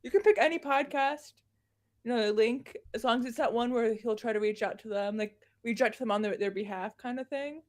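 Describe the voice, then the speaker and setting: A woman guesting on a casual podcast, with a somewhat high voice. She talks in a relaxed way, laying out ideas step by step and swearing now and then. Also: fairly quick. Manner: relaxed, offering practical suggestions, casual swearing.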